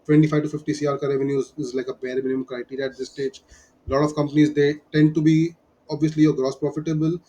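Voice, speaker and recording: A man's voice: mid-range voice, mellow, rough recording. Indian-accented man explaining, evenly and emphatically. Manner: emphatic, repeats key points. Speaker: business advisor teaching startup fundraising. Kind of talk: explanatory lesson.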